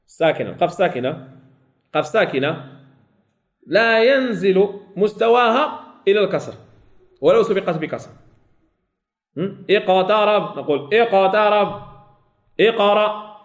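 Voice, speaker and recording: High-voiced Moroccan man teaching tajweed. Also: animated. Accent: Moroccan Arabic. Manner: slowly drawn-out sample words, repeated to students; corrects students and checks they follow. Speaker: Quran recitation teacher. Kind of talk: classroom tajweed lesson.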